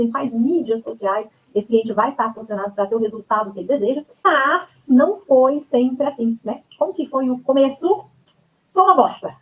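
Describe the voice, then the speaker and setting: A Brazilian woman in her thirties gives a webinar presentation of her course. She talks quickly in a fairly high voice. She keeps tossing in little check-in tags as she goes. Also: poor audio. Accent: Brazilian Portuguese. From Brazil (Goiânia). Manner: chatty, leans on tags like "né?" and "tá?".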